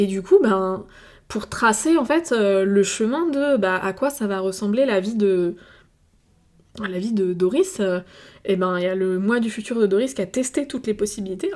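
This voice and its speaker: A woman with a darkish mid-range voice and a French accent, a video creator from France, talks casually to camera. Her reflective monologue has her thinking aloud, peppered with fillers and false starts.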